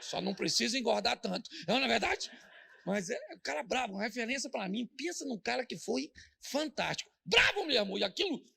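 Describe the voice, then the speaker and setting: A man's voice: very high-pitched, animated, fast talker, gravelly, pushed and bright, slightly rough. A middle-aged man with a Brazilian Portuguese accent, a pastor preaching a humorous sermon, joking and telling stories as he acts out the voices of the people in them.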